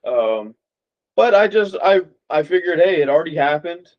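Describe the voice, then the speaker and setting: In a casual interview chat, a young boxer from Las Vegas, USA, talks in a fairly high-pitched voice at a moderate pace. He sounds relaxed and rambles with plenty of fillers, and the lo-fi recording is dull.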